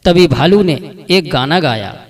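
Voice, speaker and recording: A man narrates a folk story in a plain, steady storyteller's manner. His voice sits a bit high for a man. He sounds set back from the microphone. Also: a little slow, distant mic.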